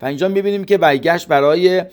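A man's voice: sits high, a little mellow. A man giving a text study lesson, chanting scripture verses and then explaining them, posing questions as he goes. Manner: poses questions to the listener. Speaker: Torah teacher.

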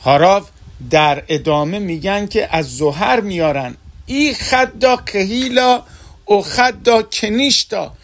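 A man's voice: sits high, expressive. A man delivering an earnest sermon as a religious teacher, retelling stories and speaking directly to his listeners. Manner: earnest storytelling, addresses listeners as dear friends.

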